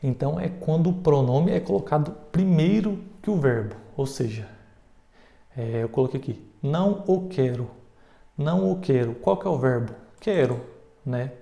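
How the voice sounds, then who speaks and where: A man's voice: mid-range voice, expressive, normal speed, vocal fry, mellow, roomy sound, muffled recording. A Brazilian man giving a casual, informal exam-prep lesson who keeps checking in with his listeners. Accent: Brazilian Portuguese. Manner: informal, self-deprecating, checks in with "né?" and "tá?".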